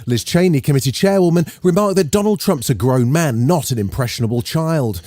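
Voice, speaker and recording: Lively male news podcast host. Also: a little high, a little fast, no room sound, clean studio sound. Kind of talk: scripted news narration.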